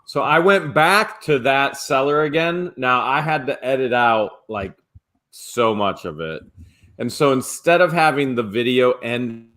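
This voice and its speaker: A man's voice: medium pitch, a little slow. A man chatting on a live stream, telling a long story and acting out the quotes. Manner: animated storyteller, acts out quotes. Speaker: flipping channel host. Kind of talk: casual live-stream chat.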